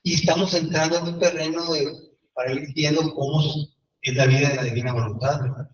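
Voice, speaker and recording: Man, retreat leader, chatty teaching style, slightly high pitch, distant from the mic. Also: fairly even intonation, a little fast, background noise. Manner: conversational, asks listeners for agreement often. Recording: roomy, distant and dull-sounding.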